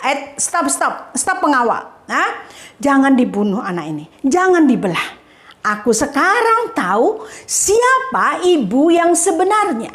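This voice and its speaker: A woman voicing a wise king who questions briskly and gives firm orders. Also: high voice, very animated, fairly bright tone, exaggerated voice. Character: wise old king, calm and commanding. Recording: echoey room.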